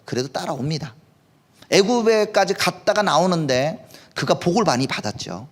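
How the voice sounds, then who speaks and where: A male pastor preaching at a live worship service, with a high voice that swings widely in pitch. He talks in a conversational way and keeps asking his listeners questions. His delivery is lively and expressive. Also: normal speed. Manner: conversational, asks the congregation questions. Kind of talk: sermon.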